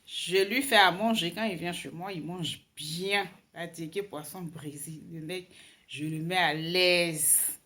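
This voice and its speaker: A woman's voice: fairly low pitch, unhurried, fairly bright tone. A young woman telling a story time to her viewers in a casual, wry, amused way, with many fillers and restarts. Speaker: vlogger.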